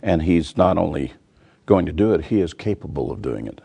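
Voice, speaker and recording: A man with a deep, gravelly voice leads a Bible study. His tone is husky and earnest. He presses his points with emphatic word pictures. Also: animated, a little fast, warm tone. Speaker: Bible teacher.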